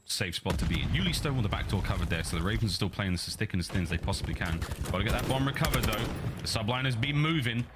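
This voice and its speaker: A man's voice: on the low side, expressive, heavy background noise. Punchy play-by-play esports caster, man. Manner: quick, punchy play-calling. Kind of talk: live esports commentary.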